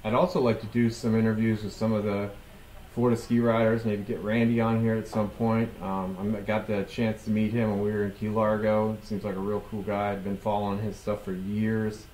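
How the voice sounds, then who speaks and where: A man's voice: lowish voice, little pitch movement, a little fast, darkish tone, echoey room, poor audio. A man in his forties hosting his own show, talking casually to camera with lots of ums and restarts, on a headset mic. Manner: rambling, many ums and restarts. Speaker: podcast host. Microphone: headset with boom mic.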